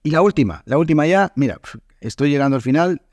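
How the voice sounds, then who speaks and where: A man from Spain with a hoarse, fading voice, explaining a Spanish lesson on his podcast and often checking in with his listeners. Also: fairly high pitch, expressive, fast, a little mellow, no room sound. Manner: explanatory, many fillers and checks. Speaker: Spanish teacher, podcast host.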